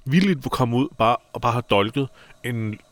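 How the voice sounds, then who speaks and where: A man co-hosting a podcast who retells TV episode events in casual, animated chat. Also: mid-range voice, dry recording. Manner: animated storytelling, plot retelling. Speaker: podcast co-host. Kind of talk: casual chat recapping a TV series.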